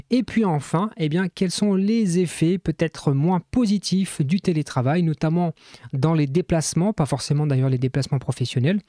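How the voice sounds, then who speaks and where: A man's voice: fairly high pitch, dark tone, no room sound, clean studio sound. A man presenting a weekly web development news roundup in a casual, chatty way, with frequent hesitations and fillers.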